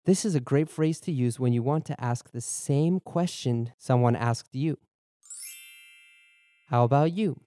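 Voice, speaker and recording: With a warm, medium-pitched voice, this young podcast teacher explains phrases in both Japanese and English. German-born and Boston-raised, he keeps things clear and measured and slows down for drills, captured in a dry, studio-quality recording.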